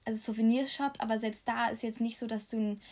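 A young woman from Germany chatting casually and telling stories in an animated way. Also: on the high side, fast talker. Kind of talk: casual chat.

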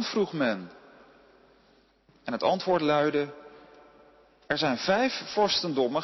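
A man reading a Bible passage aloud at a steady pace, now and then correcting a slipped word. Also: a little high, slightly rough, big-room sound, dull audio. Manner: steady reading with occasional slips and self-corrections. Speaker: scripture reader.

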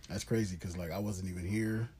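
A young man co-hosting a casual podcast, telling a story in a relaxed way, with lots of fillers. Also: deep voice, fairly quick, a little hiss or hum. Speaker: podcast co-host. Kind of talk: casual chat.

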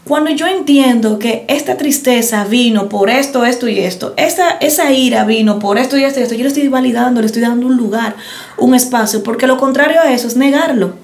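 Brief: middle-aged woman, quick, animated, slightly high voice, echoey room. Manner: animated storyteller acting out quoted dialogue. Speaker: podcast co-host. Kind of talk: casual chat. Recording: roomy echo.

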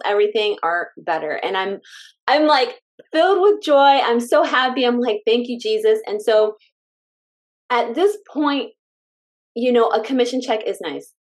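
Enthusiastic stay-at-home mom from California. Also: female voice, mid-range voice. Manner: heartfelt and enthusiastic, laughs often. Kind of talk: casual interview chat.

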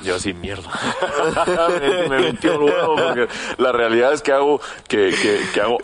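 A young man telling a story in casual, slangy chat, animated and full of restarts. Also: medium pitch, measured pace, a crowd in the background.

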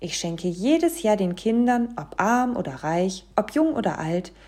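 A woman putting on a friendly, booming old Santa Claus from a storybook, hearty and commanding. The tone is warm and mellow with a faint rasp. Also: big pitch swings, unhurried. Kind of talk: storybook reading.

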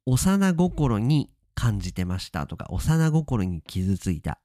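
A man hosting a casual spoken lesson, explaining words with drawn-out emphasis and English glosses. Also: mid-range voice, dry recording, clean studio sound. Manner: lively and sing-song, stretching key words, mixing in English glosses. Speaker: podcast host teaching Japanese vocabulary.

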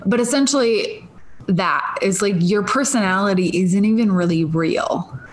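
In a mid-range voice at a measured pace, a thirtysomething podcast host from Minnesota talks on her own show. She rambles casually in a Minnesotan accent, following her thoughts wherever they go and laughing along the way.

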